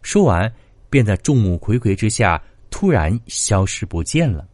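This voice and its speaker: A man narrating classic ghost tales in a dramatic, expressive storytelling style. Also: unhurried, dry recording. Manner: expressive, swinging pitch for drama.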